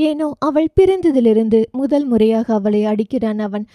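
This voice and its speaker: A woman's voice: on the high side, normal speed, dark tone, no echo, studio quality. A woman with a Tamil accent reading a romance audio novel aloud, with emotive storytelling.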